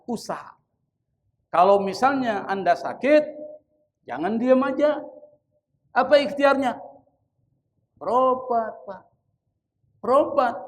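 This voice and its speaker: A man giving a Quran commentary sermon, asking and answering his own questions, mixing in Arabic recitation and calling his listeners sir. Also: sits high. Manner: addresses listeners as sir, casual asides; mixes Arabic recitation into talk. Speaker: Quran teacher.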